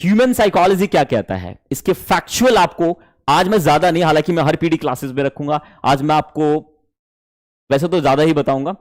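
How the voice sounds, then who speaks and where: A man teaching an online class, lively and animated, mixing Hindi and English. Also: on the high side, brisk.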